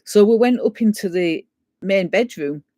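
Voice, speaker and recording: Woman, casual ghost story, clears throat often, acts out quoted voices, mid pitch, dry close sound. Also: lively intonation, moderate pace, dark tone, no room sound. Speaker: guest storyteller.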